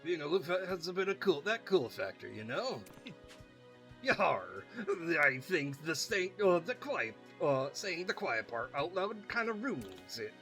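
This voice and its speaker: A gameplay streamer offers casual, joking let's-play commentary, chatting away and reading game lines aloud in silly voices. His voice is fairly high and fairly bright, very animated but unhurried. Faint music plays behind him.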